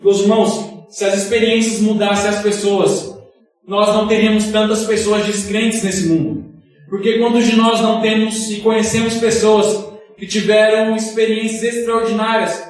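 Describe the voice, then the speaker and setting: A man's voice: high-pitched, flat delivery, moderate pace. A man evangelist preaching a sermon to a congregation, addressing them as brothers and asking pointed questions. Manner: leads the congregation in call-and-response. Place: church hall. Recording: very echoey hall, picked up from far off.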